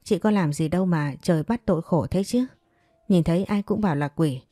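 A woman's voice: fairly low pitch, brisk, dark tone, dry recording, studio quality, natural voice. A woman voicing a scheming second wife who speaks in a sugary, coaxing way. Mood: sweetly scheming.

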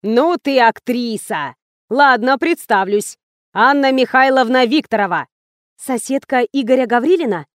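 A shrill, scheming old village woman scolds in a loud, slow, accusing way, as a woman reader puts her on. Her voice sits fairly high. The sound is dry and close. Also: animated, dry recording. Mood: scolding.

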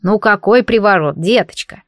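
A kindly old uncle who fusses over the girl in a gentle, coaxing tone, as a woman reads him in an audiobook. Close and dry, with no room sound. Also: medium pitch, moderate pace, no echo, lightly acted. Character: kindly, fussing older uncle figure.

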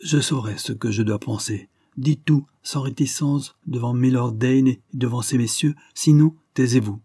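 A man's voice: medium pitch, moderate pace, dark tone, no room sound, studio quality, close to an everyday voice. A man voicing a stern older squire who speaks harshly and with mockery, in an audiobook reading. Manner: harsh, curt, mocking.

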